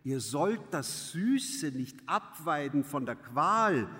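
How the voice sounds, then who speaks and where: A man's voice: fairly high pitch, big pitch swings, slow, sharp tone, heavily acted. A man voicing a bitter female serving maid who vividly retells a quarrel. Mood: aggrieved. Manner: aggrieved, vivid storytelling. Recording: long hall reverb.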